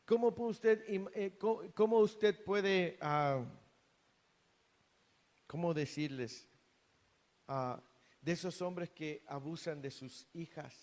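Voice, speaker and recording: A man's voice: fairly high pitch, slow, pauses often, darkish tone. A man preaching a sermon in a church hall, earnest, often repeating and restarting words. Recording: long reverb of a hall.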